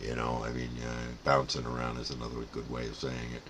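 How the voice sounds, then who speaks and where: Here the older man's very deep voice is monotone, brisk, and a bit bright, with slight background noise. The radio hobbyist and channel host offers a plain-spoken, casual explanation that rambles in a folksy manner.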